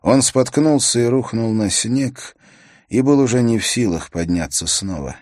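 A man reading an adventure novel aloud as an audiobook narrator, in a measured, steady storytelling manner. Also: mid-range voice, no room sound, clean studio sound.

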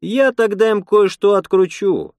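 A man's voice: fairly high pitch, big pitch swings, moderate pace, dry recording, pitched above the performer's own voice. A man voicing a frank, outspoken young woman colonist in an audiobook, teasing and blunt. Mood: wry. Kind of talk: audiobook character voice.

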